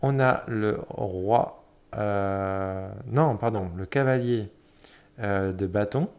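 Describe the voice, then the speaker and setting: A man casually flipping through a tarot deck, talking in a hesitant way with many fillers and self-corrections, often pausing to admire a card. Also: lowish voice, lo-fi sound. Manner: admiring, soft-spoken commentary.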